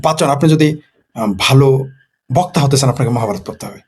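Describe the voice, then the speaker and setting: Fast-talking husky man. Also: medium pitch, darkish tone. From Bangladesh. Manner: poses rhetorical questions and answers them himself. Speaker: political commentator. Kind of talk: casual late-night monologue.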